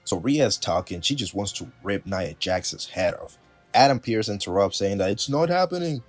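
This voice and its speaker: A man's voice: low-pitched, moderate pace, faint music behind. A man casually recapping a wrestling show, chatty and laughing, with lots of fillers.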